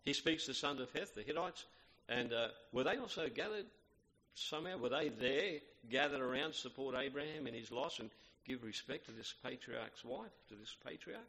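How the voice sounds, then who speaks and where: A man's voice: medium pitch, sharp tone, husky. Man preaching in a reverberant hall. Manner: measured, reverent, with fillers and restarts. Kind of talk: sermon with Bible reading.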